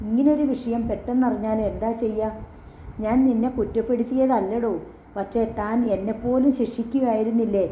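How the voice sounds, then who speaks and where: A woman voicing a gentle young man in an audiobook, speaking softly and consolingly. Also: a little high, fairly even intonation, fairly quick, echoey room, lo-fi sound, a little hiss or hum, close to an everyday voice. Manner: soft, consoling.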